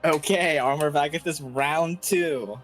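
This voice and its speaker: A man's voice: a little high, measured pace, a bit bright. A man narrating a tabletop game casually as game master. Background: faint music.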